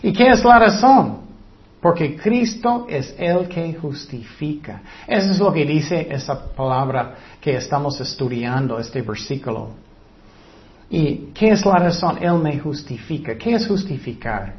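A man preaching a sermon in an expressive way, acting out voices in his stories, with slightly non-native phrasing. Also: fairly high pitch. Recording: dull lo-fi sound.

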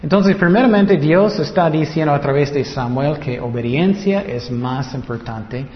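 Slow-preaching man in an echoey hall. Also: fairly high pitch. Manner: slow, deliberate preaching with rhetorical questions. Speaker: pastor. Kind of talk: sermon. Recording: muffled reverberant hall.

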